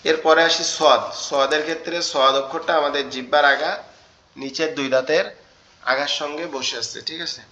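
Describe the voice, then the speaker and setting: Bright-voiced man teaching Arabic letters online. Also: fairly high pitch, fairly even intonation, normal speed. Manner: patient, repeats sounds and asks the class questions. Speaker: Quran teacher. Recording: dull online call audio.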